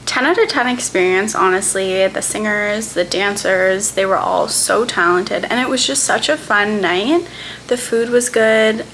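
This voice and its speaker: A woman in her twenties chatting to a phone camera at arm's length in a hotel room, upbeat and quick with recommendations. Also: medium pitch, a bit bright, slight background noise. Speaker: travel vlogger. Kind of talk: casual vlog chat to camera.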